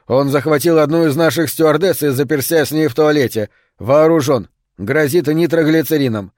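A man voicing a calm, steady airline captain who speaks in a matter-of-fact way. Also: on the high side, normal speed, no echo, clean studio sound, lightly acted.

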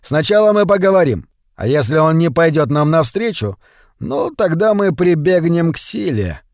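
A man doing a bossy, gruff shadow. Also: fairly high pitch, sing-song, moderate pace, darkish tone, no room sound, clean studio sound, voice pushed up. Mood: scheming. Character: bossy streetwise male shadow spirit.

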